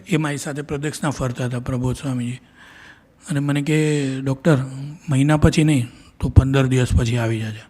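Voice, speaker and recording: A man's voice: on the high side, darkish tone. A middle-aged man, telling a devotional gathering about his personal memories, acting out quoted dialogue and often restarting his sentences. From India. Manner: earnest storytelling with quoted dialogue and frequent restarts. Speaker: devotee giving a talk. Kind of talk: personal spiritual testimony.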